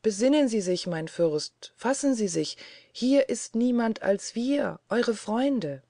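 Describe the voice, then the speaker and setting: An anxious, devoted princess, read by a woman narrator pleads in a soothing tone. The voice is mellow, with a gravelly edge. The recording is dry. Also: fairly high pitch, animated, takes it slowly, dry recording, voice pushed up, full character voice. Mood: pleading.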